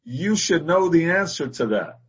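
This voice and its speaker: Man, a business coach on a call. Very husky voice, unhurried delivery, dull lo-fi sound. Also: fairly high pitch, big pitch swings, fairly bright tone. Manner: conversational, repeats "exactly" and "you know".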